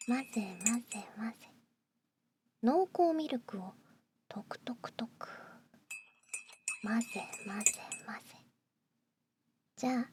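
A young woman in an ASMR roleplay, playing a doting young woman who pampers the listener, speaking in soft, breathy whispers close to the microphone. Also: high-pitched, a little hiss or hum.

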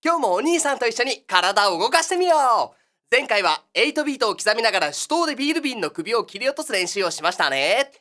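A woman's voice: on the high side, big pitch swings, fairly quick, a bit bright. A woman playing the cheery big-brother host of a children's exercise show, talking in a sing-song, coaxing patter in a comic monologue.

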